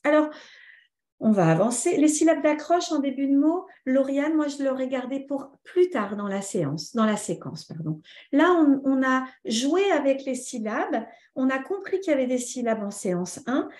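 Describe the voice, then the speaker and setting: A woman leads a live online lesson as a trainer, speaking in a lively way and answering viewers' comments by name. Her voice sits fairly high but sounds mellow. The recording carries an echoey room sound. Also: normal speed. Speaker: teacher trainer.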